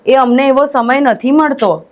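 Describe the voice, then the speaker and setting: A woman's voice: sits high, a little slow. A young woman with a Gujarati accent, an actress talking as a podcast guest and telling stories animatedly in casual interview chat. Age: young adult. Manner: animated storytelling, acts out quoted shouts, mixes English in.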